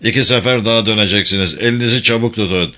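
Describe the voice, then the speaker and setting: A man voicing a brisk army captain who gives orders loudly in a storybook reading. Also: fairly low pitch. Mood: commanding. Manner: commanding, brisk.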